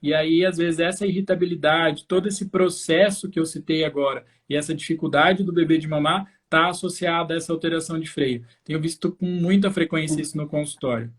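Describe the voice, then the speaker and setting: In a fluent live educational talk aimed at parents, an infant osteopath with a Brazilian accent explains as the host and practitioner. He speaks briskly with few pauses, in a fairly high voice with a steady tone.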